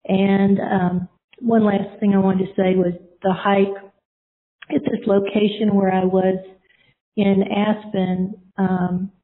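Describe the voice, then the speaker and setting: A middle-aged woman earnestly tells her personal testimony, rambling with many fillers and restarts. Her mid-range voice stays level and she takes it slowly, heard over a tinny, phone-like line.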